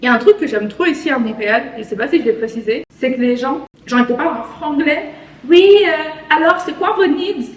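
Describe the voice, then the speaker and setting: A woman's voice: on the high side, fast talker, reverberant, distant mic. A young woman from France with a slight lisp, chatting casually and mocking herself in a vlog. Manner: chatty, self-mocking, mixes in English words. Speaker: vlogger.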